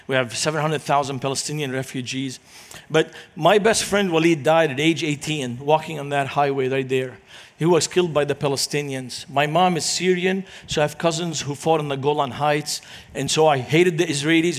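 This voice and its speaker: Guest preacher, higher-pitched man, earnest with jokes. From Lebanon. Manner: humorous, storytelling, earnest. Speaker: guest speaker. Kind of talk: church talk to a congregation.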